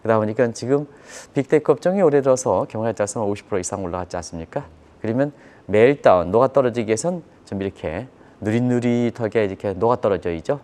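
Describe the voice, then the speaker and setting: Warm-toned and quick, a man with a lowish voice gives live financial news commentary as an economic commentator, explaining things step by step, repeating the key terms and posing rhetorical questions to his audience.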